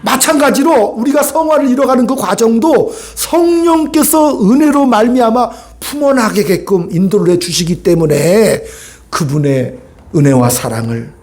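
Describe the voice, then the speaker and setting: Speaking at normal speed in a very high-pitched voice, a male pastor delivers his Sunday sermon with lively, conversational energy and frequent calls for "amen" from the congregation.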